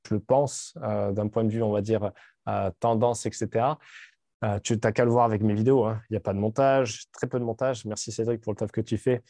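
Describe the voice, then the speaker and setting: Late 30s guy rambling to camera, swears a lot, mellow low tone, dry close sound. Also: fairly even intonation, a little fast, dry recording. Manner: frank, rambling, swears casually, many restarts. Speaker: vlogger. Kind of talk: casual monologue to camera. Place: home in Dubai.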